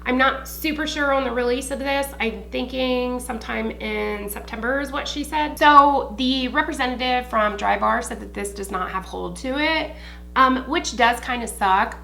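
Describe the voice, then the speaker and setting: A woman's voice: on the high side, vocal fry, bright, forceful tone, a little hiss or hum. An American woman chatting informally like a makeup tutorial host in a beauty haul review, slangy and swearing freely. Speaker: beauty vlogger.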